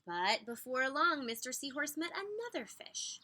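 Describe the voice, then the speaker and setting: A woman reading a children's picture book aloud in an expressive, emphatic way, drawing out some words. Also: sits high. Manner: animated, emphatic, with drawn-out words. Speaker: storybook reader.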